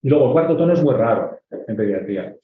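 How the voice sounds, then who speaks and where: Speaking fast with lively intonation at a medium pitch, a pediatric cardiologist from Spain delivers a lecture to residents in a Castilian accent. He walks through the material step by step, using many filler words, in dull, echoey audio.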